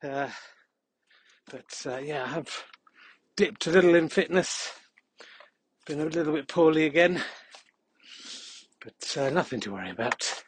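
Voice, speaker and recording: A man's voice: on the high side, a little slow, pauses often, a little hiss or hum. A man hosting a podcast as a casual, rambling monologue while walking outdoors on a country path. He is out of breath and adds dry, jokey asides. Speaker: podcast host.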